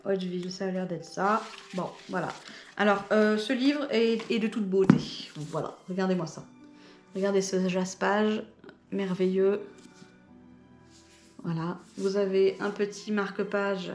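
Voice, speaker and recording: A woman's voice: medium pitch, darkish tone, echoey room. A woman chatting casually about the books she bought, hesitating often with fillers. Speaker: book vlogger. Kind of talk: casual book haul chat.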